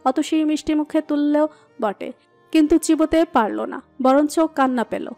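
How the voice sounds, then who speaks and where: Brief: female storyteller, high mellow tone, steady expressive narration. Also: normal speed. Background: soft background music.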